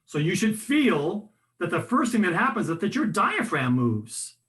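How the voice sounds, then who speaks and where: A man's voice: sits high, a little slow. A man presenting a voice workshop in a conversational, instructive way, often restarting his sentences. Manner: conversational, animated, with frequent restarts and fillers.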